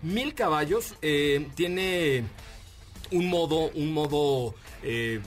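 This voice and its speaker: Speaking extremely slowly over soft background music, this Mexican Spanish-accented man has a fairly high voice with lively intonation. He's hosting a radio car show in a casual, enthusiastic way, full of jokes, slang, and fillers.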